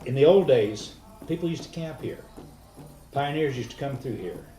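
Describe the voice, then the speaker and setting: A man's voice: medium pitch, expressive, normal speed, music in the background. Man, folksy powwow host, informal address, roomy distant recording, faint noise. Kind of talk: informal welcome and unscripted talk to viewers.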